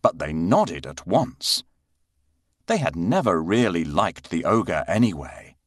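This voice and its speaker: A man narrating a bedtime fairy tale for children at a slow, deliberate pace. His voice is fairly low but leaps widely in pitch, adding playful sound effects. The recording is close and dry. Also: sing-song, no echo. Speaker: storyteller.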